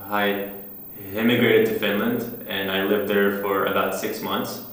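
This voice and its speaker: Teenage male interviewee from Iraq, halting delivery, recorded far off in a reverberant hall. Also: lowish voice, little pitch movement, a bit bright. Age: teens. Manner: hesitant, many restarts and light laughs. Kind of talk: casual oral history interview. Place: university hall room. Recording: echoey room from a distance.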